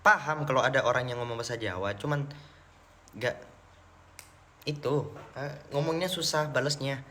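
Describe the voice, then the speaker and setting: A young man from Mecca, Saudi Arabia, chats casually on a live stream, answering viewers' questions and switching between languages. His voice is medium-pitched and sharp in tone, and he speaks at a moderate pace.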